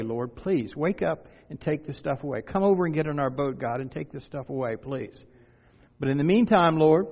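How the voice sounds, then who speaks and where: A middle-aged man preaching a sermon as a pastor, earnest, moving from quiet personal reflection to raised exhortation. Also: medium pitch. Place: church sanctuary. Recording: dull, reverberant hall recording with faint music.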